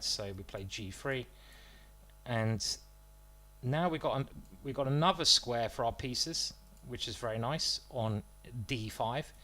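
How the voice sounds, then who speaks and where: Poking fun at himself as he plays, a man streams his chess game and weighs each move out loud. His medium-pitched voice is typical for a man, and his delivery stays loose and chatty instead of polished.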